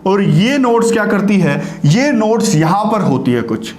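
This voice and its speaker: A man's voice: high voice, big pitch swings, normal speed, a little mellow, a little hiss or hum. A man teaching a lesson who keeps asking questions and answering them himself, with a Haryanvi Hindi accent. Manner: asks and answers his own questions. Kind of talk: classroom lecture. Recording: echoey room.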